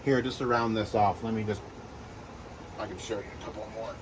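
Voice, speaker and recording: A man who breeds reptiles talks casually in a vlog while handling geckos, with lots of fillers and soft reassurances to the animals. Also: lowish voice, fairly even intonation, brisk, background noise. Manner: rambling, filler-heavy, coos softly to the geckos.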